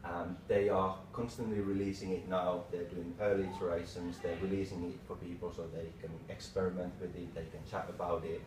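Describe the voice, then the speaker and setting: A man gives a casual slide talk in a low-pitched voice, speaking in short, broken phrases. He is picked up from across a small meeting room, with plenty of room reflection and clearly audible noise. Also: flat delivery, a little fast, hardly any pauses. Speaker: tech presenter, developer. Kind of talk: informal slide presentation, lightning talk. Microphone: far camera microphone. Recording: roomy, distant mic with clear background noise.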